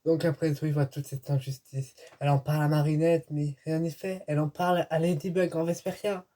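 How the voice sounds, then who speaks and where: A man's voice: on the high side, little pitch movement, a little fast, mellow. A man giving a casual, rambling video review to his viewers, chatty and hesitant, filmed indoors at home. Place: indoors at home, dim light.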